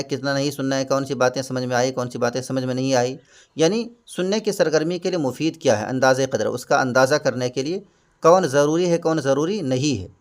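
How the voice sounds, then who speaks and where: A man walks through exam questions one by one, pausing to restate hard words in simpler ones. His voice sits a little above the usual male range, and his delivery is patient and explanatory. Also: fairly high pitch. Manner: patient, repeats and glosses terms. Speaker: exam prep teacher.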